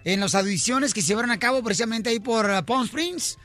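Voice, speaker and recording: A man's voice: extremely high pitch, a little fast, a bit bright. A man hosting a morning radio show, playful and teasing as he jokes with guests. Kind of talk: joking morning radio banter.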